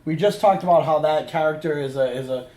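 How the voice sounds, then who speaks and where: Male review co-host, fairly high voice, emphatic and opinionated, casual and sweary, echoey room sound. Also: fast, darkish tone. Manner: opinionated, emphatic, repeats himself. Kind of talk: casual film review chat with profanity.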